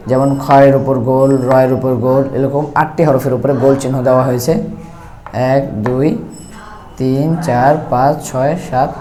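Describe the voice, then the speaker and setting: A man teaching Quran reading step by step, with a Bangladeshi Bengali accent, patiently repeating and slowly drawing out each letter sound. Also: mid-range voice, flat delivery, dark tone. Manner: patient, repetitive, draws out letter sounds slowly when demonstrating. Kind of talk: step-by-step recitation lesson.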